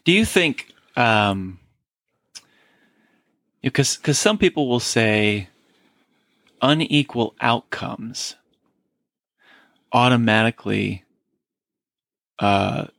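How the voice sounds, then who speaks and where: A man hosting a podcast as a pastor, interviewing a guest with a halting, filler-heavy way of talking. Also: mid-range voice, lively intonation, vocal fry, fairly bright tone, no room sound, clean studio sound. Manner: halting, many fillers and restarts. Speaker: host and lead pastor.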